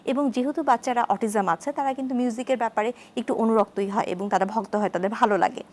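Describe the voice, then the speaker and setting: High-voiced woman explaining therapy steps. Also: fairly even intonation. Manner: measured, explanatory, repeats key terms. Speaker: speech therapist guest. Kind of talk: explanatory studio discussion.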